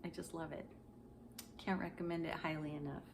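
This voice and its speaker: A woman talking through her recent reads in a casual book review vlog, in a measured and earnest way. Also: low voice, steady tone, noisy background.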